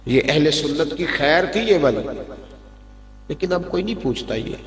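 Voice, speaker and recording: A man's voice: a little high, expressive, slight background noise. A man preaching a sermon, telling a story with emotion and voice rising sharply in dialogue. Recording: echoey hall reverb.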